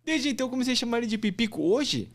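A man's voice: very high voice, very fast. A man, a podcast guest telling a heartfelt story in a casual, emotional way. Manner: animated, emotional, repeats "meu" and "pô".

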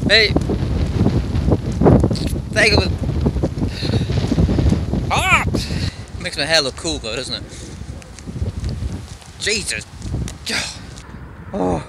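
Halting young man, wind roaring on mic. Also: fairly high pitch, expressive, creaky. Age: young adult. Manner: halting, exclaiming, battling strong wind while walking. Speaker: vlogger. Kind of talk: casual outdoor vlog chat. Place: outdoors on a windy snowy roadside. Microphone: handheld camera at arm's length. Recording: loud wind buffeting the mic.

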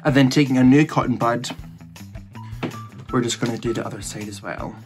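Man, camp and slangy, mid-pitched voice, drag makeup tutorial chat, music in the background. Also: fairly quick. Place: small indoor setup before a cloth backdrop.

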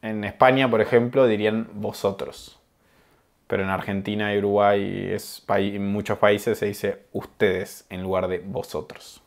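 A man, calmly explaining usage over video clips. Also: fairly low pitch, measured pace, creaky. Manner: calm, explanatory, amused. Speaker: Spanish teacher.

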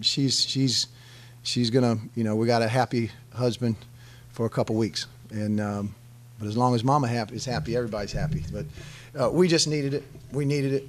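A man's voice: medium pitch, a little hiss or hum. A middle-aged man, a head basketball coach, answering press conference questions emphatically, often restarting and repeating his phrases into a desk microphone. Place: press conference room, seated at table. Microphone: desk microphone on stand.

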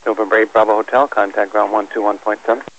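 Speaking fast in a fairly low, level voice, a male tower controller at an airport issues terse instructions on the air band. His transmission comes through muffled, with a faint layer of static.

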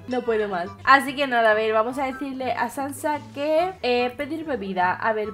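A woman's voice: sits high, fairly bright tone. A young woman with a Spain Spanish accent, giving casual, chatty commentary while playing a life-sim game. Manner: chatty, exclaims and reacts to the game. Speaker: gaming YouTuber.

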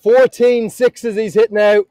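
A man calling a cricket match live from the commentary box, building to excited shouts at the big moments. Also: high-pitched, takes it slowly, no echo, poor audio.

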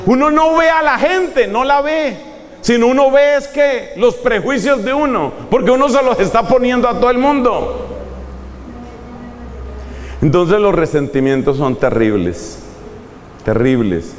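Animated preacher, echoey hall. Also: male voice, very high-pitched, moderate pace, slight background noise. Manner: animated, humorous, acting out examples. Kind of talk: sermon.

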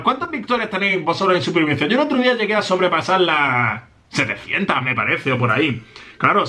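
Young man, excitable game commentary, bright lively voice, high pitch that leaps when shouting. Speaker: gaming youtuber. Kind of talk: live gameplay commentary.

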